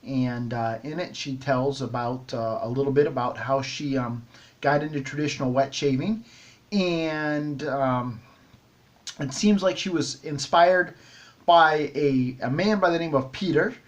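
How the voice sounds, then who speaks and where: A man's voice: mid-range voice, unhurried. A middle-aged man hosting a shaving vlog, talking casually to camera with many ums and restarts. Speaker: shaving video host.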